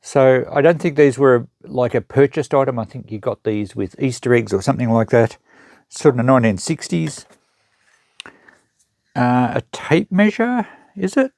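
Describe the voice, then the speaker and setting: Talking at normal speed, an Australian unboxing host who also sells secondhand goods shows items and thinks aloud in casual, matter-of-fact, unscripted show-and-tell. His medium-pitched voice is expressive and a little mellow with vocal fry, in a clean studio recording free of echo.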